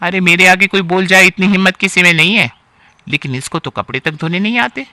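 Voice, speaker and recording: A man's voice: high-pitched, brisk, bright, forceful tone, no echo, clean studio sound. A man playing a bossy, nagging old aunt-in-law. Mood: scolding. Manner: scolding, sighing complaints. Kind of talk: storybook character acting.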